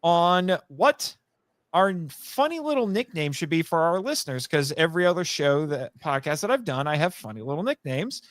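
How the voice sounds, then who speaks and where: As a podcast guest, a writer and audio drama voice actor talks in a casual, rambling, jokey way, promoting his own projects with a touch of self-deprecation. His slightly high voice is sing-song and a bit bright at a moderate pace, recorded in studio quality with no room sound.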